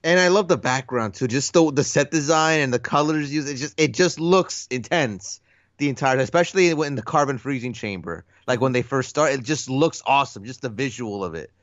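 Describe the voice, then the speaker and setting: A man co-hosting a film podcast, relaxed and enthusiastic as he retells scenes and calls his partner "bro." His voice is mid-pitched and recorded dry, with no room sound. The audio is a touch dull and lo-fi. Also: a little fast, no echo. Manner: laid-back, enthusiastic, says "bro". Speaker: podcast co-host. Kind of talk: casual film discussion.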